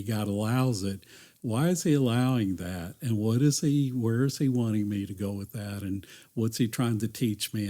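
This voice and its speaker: Male church counselor, lowish voice, reflective and earnest, podcast chat. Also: dark tone. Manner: earnest, reflective, often restarts phrases. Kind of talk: conversational podcast talk.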